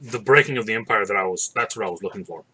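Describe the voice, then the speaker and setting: Casting: middle-aged man, game master narration, lowish pitch, slow and forceful, home video-call sound. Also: husky.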